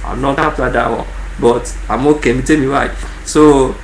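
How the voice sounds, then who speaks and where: Nigerian-accented male channel host, mid-pitched, earnest and emphatic through repetition, recorded in a reverberant room. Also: fairly even intonation, moderate pace. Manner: earnest, repeats words and phrases for emphasis. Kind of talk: informal monologue to viewers. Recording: echoey room with faint background noise.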